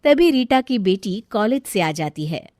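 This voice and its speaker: A woman narrates a scripted family tale in an expressive storytelling way. Her pitch moves lively, and the sound is dry and close. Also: unhurried, no room sound.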